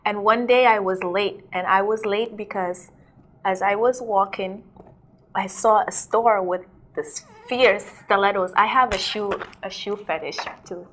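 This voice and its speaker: A woman's voice: medium pitch, a little slow, a bit bright. A young woman from South Sudan, a DJ and model, talking in a casual interview with lots of fillers and laughter, recorded on a lapel mic in a studio. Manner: chatty, laughs often, many "like"s and fillers.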